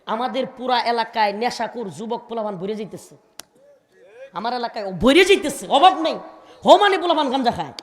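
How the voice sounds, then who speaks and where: Bangladeshi Bengali male preacher, high voice, fiery sermon with shouted Arabic chants, long hall echo. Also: expressive, a little fast. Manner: shouting, rising declamations, chanted Arabic verses. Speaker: preacher at a religious gathering.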